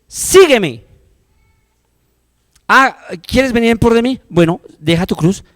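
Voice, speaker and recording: A man with a Colombian accent preaching a sermon as pastor, passionate and moving between hushed, intimate passages and loud, urgent ones. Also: very high voice, expressive, moderate pace, no echo.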